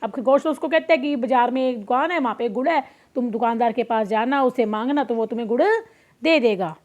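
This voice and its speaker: A woman teacher with a high voice reads a children's story aloud and explains it piece by piece. She keeps turning to the class with questions. The recording sounds dull and lo-fi. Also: a little fast, darkish tone.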